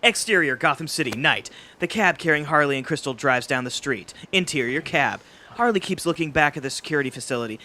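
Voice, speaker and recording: A man narrating stage directions in a live script read-through, reading briskly with small slips. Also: fairly high pitch, lively intonation, pushed and bright, slight background noise.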